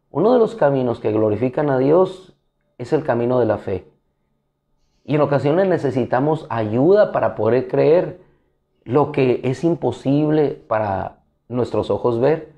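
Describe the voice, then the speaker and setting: A man preaching a devotional sermon, slow and deliberate, repeating key phrases for emphasis. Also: a little high, mellow, dull audio. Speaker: pastor.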